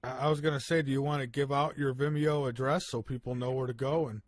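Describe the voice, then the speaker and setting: A man hosting a radio talk show, easygoing and quick with brief agreeing replies. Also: medium pitch, steady tone, no room sound, clean studio sound. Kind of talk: casual radio interview.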